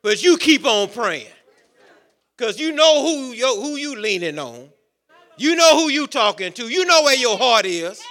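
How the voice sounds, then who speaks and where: A man preaches in with a high, bright voice. He builds his points through rhythmic repetition and calls out questions to the congregation. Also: big pitch swings, unhurried. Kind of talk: sermon.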